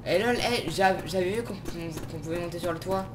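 A man's voice: sits high, normal speed, crowd noise. A young man playing along in a gaming video, chatting casually and eagerly urging his partner on. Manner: excitable, keeps urging the other player on. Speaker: co-player. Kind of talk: casual gameplay chat.

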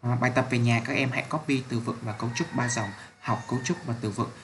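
A man's voice: mid-range voice, steady tone, fast, a bit bright, slight background noise. A man teaching English to children with a Vietnamese accent, reading each word twice for them to repeat. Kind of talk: recorded vocabulary lesson for children.

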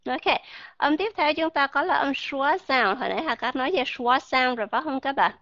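Bright-voiced woman teaching pronunciation. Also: high-pitched, dry recording, muffled recording. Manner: explains slowly, models English sounds, asks learners questions. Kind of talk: online pronunciation class.

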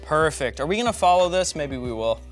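A young man with a slightly higher-pitched voice talks casually through a product unboxing. He is upbeat and jokey, thinking aloud as he handles each part. Faint music plays underneath. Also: animated, brisk. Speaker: tech unboxing host.

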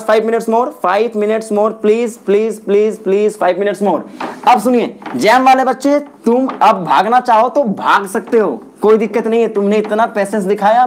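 A man's voice: sits high, slight background noise. A man teaching chemistry on a live stream from home, reading out viewer comments and answering them in a chatty, encouraging way. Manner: chatty and encouraging, mixing in English words. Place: at home during lockdown.

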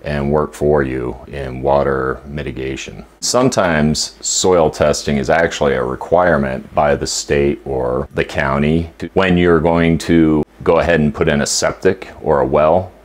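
A man in his fifties, co-hosting a homesteading channel, explains a topic to the camera in his kitchen in a steady, instructive way. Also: extremely low pitch, unhurried, few pauses. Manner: steady, instructive, listing points. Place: home kitchen indoors.

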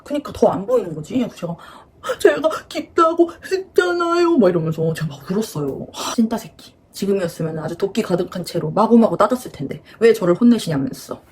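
A woman's voice: on the low side, fast, hardly any pauses, dark tone, slight background noise. A woman in her twenties chatting through a story in a casual vlog. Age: 20s. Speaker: beauty vlogger.

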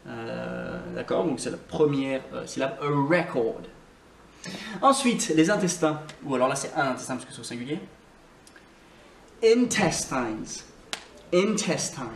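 A man giving a casual video lesson as an English teacher, hesitant with many fillers and slowly repeated words. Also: on the high side, gravelly, distant mic. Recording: roomy echo, voice off-mic, faint noise.

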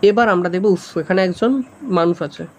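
A man's voice: sits high, normal speed, darkish tone. A man teaching an exam-prep class, walking students through multiple-choice answers step by step and checking that they follow. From West Bengal.

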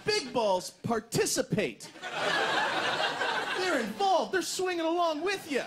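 A man doing a stand-up comedy set on stage, with animated, self-mocking, punchy delivery. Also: very high voice, slow. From Canada. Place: comedy stage before a live audience. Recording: live show with audience laughter and noise.

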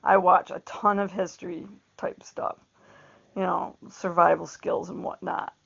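A woman's voice: on the low side, level tone, a little slow, vocal fry, fairly bright tone, breathy edge. A middle-aged woman chatting in a meandering way, repeating words and laughing often. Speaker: vlogger. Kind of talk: casual rambling monologue. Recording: dull lo-fi recording.

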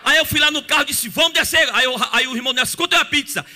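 High bright-voiced Pernambuco preacher-singer. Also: male voice, rapid-fire. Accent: Pernambuco Brazilian Portuguese. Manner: animated storytelling, breaks into singing and shouted praise. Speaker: gospel singer. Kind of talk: church testimony and worship singing. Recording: live church with music behind.

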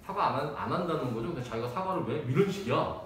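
A man's voice: medium pitch, expressive, very fast. A man teaching math in a casual lecture, telling a personal story in blunt, slangy language and laughing often. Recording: echoey room, distant mic, noisy.

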